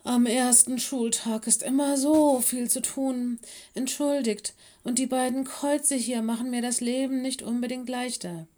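A woman voicing a caring, busy fox headmistress and mother in a children's audiobook, brisk and motherly. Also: fairly high pitch, lively intonation, warm tone. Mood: warm. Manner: brisk and motherly, stern with helpers.

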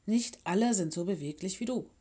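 A woman's voice: medium pitch, fairly quick, dark tone, slightly rough, natural voice. A woman voicing a curious, sometimes grumpy young male furry animal in a storybook reading, full of eager questions. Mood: grumbling.

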